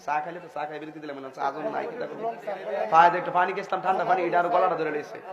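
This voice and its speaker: A man's voice: fairly high pitch, flat delivery, racing, lo-fi sound. A man preaching a humorous sermon in a chatty, joking way, often laughing as he talks. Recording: live event with loud crowd.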